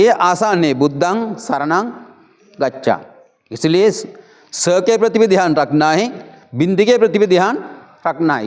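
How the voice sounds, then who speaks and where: Man, Buddhist monk, pronunciation lesson, high voice, slow, patient, repeats and corrects. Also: darkish tone. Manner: patient, repeats and corrects each word slowly. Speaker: Buddhist monk teaching Pali chanting.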